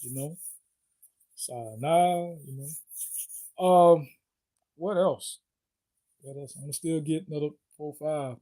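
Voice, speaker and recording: Male vlogger, slightly high and mellow, casual rambling sign-off with stops to find words. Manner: rambling, halting, searching for words. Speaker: video host.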